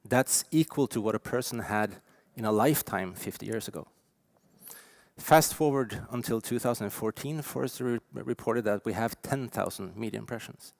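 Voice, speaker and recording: A man in his forties from Norway with a Norwegian accent, giving a lively, emphatic conference keynote with frequent fillers. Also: on the low side, normal speed, vocal fry, dry recording. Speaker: keynote speaker. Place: conference stage.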